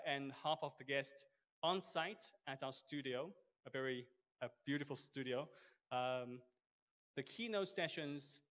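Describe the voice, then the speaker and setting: A man's voice: on the high side, a bit bright. A man moderating a hybrid seminar from a studio, speaking politely and formally with frequent hesitant fillers. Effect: big hall echo. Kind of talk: formal event hosting. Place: studio hall. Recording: long hall reverb.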